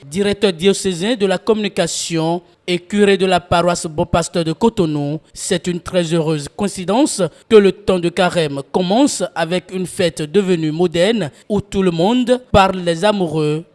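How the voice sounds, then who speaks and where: A male news reporter reads a scripted segment in a measured, even way. His voice sits high for a man, and a long reverb trails after his words.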